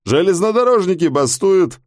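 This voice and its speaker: Man playing a brash cab driver, rough loud talk, hot temper, dry close audiobook sound. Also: high-pitched, big pitch swings, moderate pace, no room sound, voice pushed up. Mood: chatty. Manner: shouting, rough.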